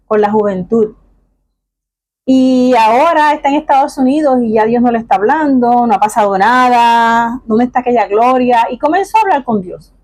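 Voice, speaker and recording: A middle-aged woman preacher with a fairly high voice delivers a sermon. She tells personal stories with feeling, rising at some points and dropping to a hush at others. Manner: expressive storytelling, swinging from raised to hushed.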